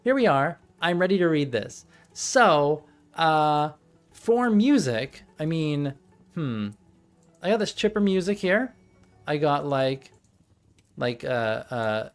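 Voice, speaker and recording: Music plays while a young man on a live stream fiddles with his setup, chatting and muttering to himself in a rambling way. His voice is on the high side, lively in intonation and unhurried.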